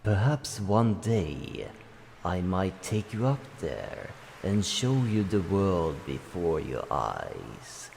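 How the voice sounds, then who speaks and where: A man gives a full character voice as an ancient dragon guardian in a roleplay addressed to the listener, sounding solemn, calm, kindly, and fond. His deep, gravelly voice moves slowly through formal, measured phrases. The recording has a long cavernous reverb and faint background noise.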